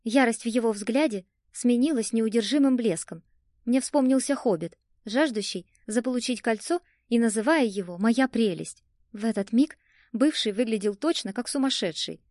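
A woman narrating a first-person audiobook in a lively, expressive storytelling manner. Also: fairly high pitch, moderate pace, no room sound, studio quality.

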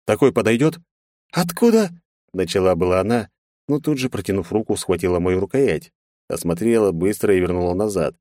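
Deep-voiced male audiobook narrator. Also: brisk, no room sound, clean studio sound. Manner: even, storytelling. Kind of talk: first-person fantasy narration.

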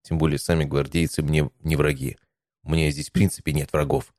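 A man narrating a first-person audiobook in an even, measured reading. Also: extremely low pitch, no room sound, studio quality.

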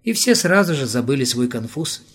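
A man reading an audiobook narration in a lively, ironic storytelling manner. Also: mid-range voice, moderate pace, breathy edge. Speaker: audiobook reader.

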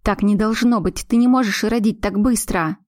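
A woman's voice: medium pitch, moderate pace, darkish tone, no room sound, close to an everyday voice. Woman doing a nervous young dad-to-be, blunt, insistent, dry sound. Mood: fretful. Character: anxious young man, expectant father, blunt.

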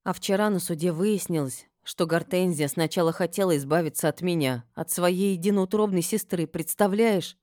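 A woman's voice: lowish voice, moderate pace, hardly any pauses, a little mellow, no room sound, studio quality, pitched above the performer's own voice, natural voice. Woman voicing an earnest, sorrowful young noblewoman. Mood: remorseful.

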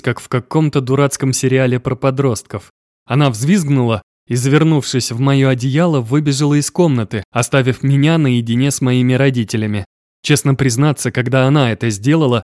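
Brief: male audiobook narrator, mid pitch, slow measured reading, dry close mic. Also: steady tone, a little mellow, dry recording. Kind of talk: first-person audiobook narration.

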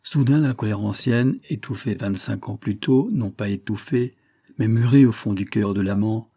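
Husky, dark-voiced male narrator. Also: on the low side, moderate pace, no room sound, clean studio sound. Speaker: audiobook narrator. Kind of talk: literary audiobook narration.

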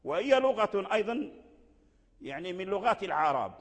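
A somewhat high-voiced man gives a recitation lesson, going back over each example word again and again. His voice trails off into a long hall reverb. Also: very animated, brisk. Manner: explains by repeating each word several times. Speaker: Quran recitation teacher. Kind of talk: classroom lesson explanation.

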